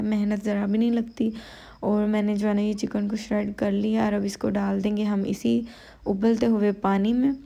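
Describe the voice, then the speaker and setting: Tired, slow-speaking woman with a gravelly voice. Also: mid-range voice. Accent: Pakistani Urdu. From Pakistan. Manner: slow, quiet, unhurried talk, full of "you know" fillers. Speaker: vlogger. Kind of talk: cooking vlog voice-over. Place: home at night, voice-over.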